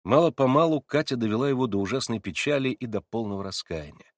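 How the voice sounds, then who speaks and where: A man reading a classic novel aloud in measured, even literary narration. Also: medium pitch, no echo. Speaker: audiobook reader.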